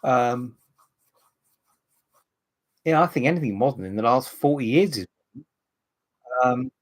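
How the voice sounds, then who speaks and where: A man in his late fifties hosts a casual live stream, rambling from topic to topic in a chatty way while reading and answering viewer comments as they arrive. His mid-range voice is slightly husky and slow, and the sound is close and dry.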